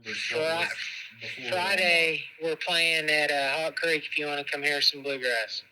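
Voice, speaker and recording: Bright man on speakerphone. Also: on the high side, flat delivery, smooth, rough recording. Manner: easygoing, halting with fillers. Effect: heard through a speakerphone. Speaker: phone caller. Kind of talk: casual phone chat.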